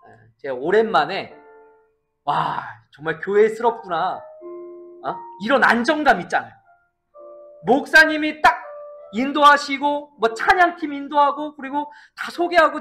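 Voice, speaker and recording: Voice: medium pitch, pushed and bright. A pastor giving a Sunday sermon, emphatic in the preaching but chatty when telling stories. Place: church service in a rented space.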